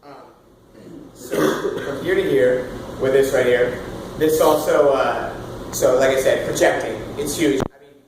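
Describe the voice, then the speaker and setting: Loud man teaching voice in a roomy hall. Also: medium pitch. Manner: loud, animated, swears casually, demonstrates with sung sounds. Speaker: vocal coach. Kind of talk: casual workshop teaching. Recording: roomy, far from the mic, with room noise.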